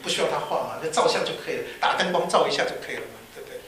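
A man preaching a sermon, telling anecdotes with lively energy and acting out the people in them. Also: a little high, very fast, crowd noise. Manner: lively storyteller who acts out the people in his anecdotes. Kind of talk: sermon with storytelling. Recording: very echoey hall.

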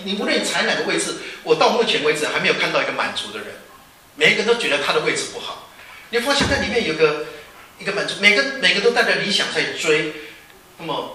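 Fast, bright-voiced man joking in a hall. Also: high voice, slight background noise. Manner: joking, rhetorical questions. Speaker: speaker addressing new overseas students. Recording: echoey hall from far off.

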